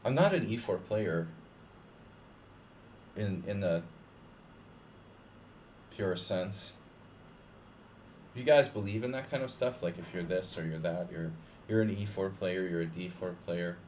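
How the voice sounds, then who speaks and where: Deep and darkish, this man's voice moves a little slowly, with long pauses, over slight background noise. He's live-streaming chess against viewers, rambling casually with plenty of "like," restarts, and jokes along the way.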